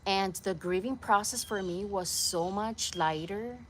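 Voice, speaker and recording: A woman's voice: medium pitch, a little slow, a little hiss or hum. A young woman from Puerto Rico talking to a camera set nearby in her backyard, earnest and a little preachy as she rambles. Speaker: vlogger. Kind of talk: casual talk to camera. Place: backyard outdoors.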